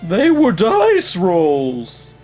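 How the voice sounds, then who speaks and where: A man doing a shrill petulant young dragon. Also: wildly swooping pitch, very slow, darkish tone, faint music behind, exaggerated voice. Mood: angry. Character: young irritable male dragon, dungeon master.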